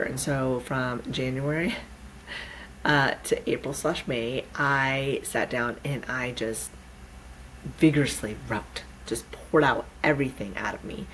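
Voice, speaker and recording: Low-voiced woman hosting a reflective podcast. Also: a little hiss or hum, rough recording. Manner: candid, reflective, with fillers and self-corrections. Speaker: podcast host. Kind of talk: unscripted solo podcast talk.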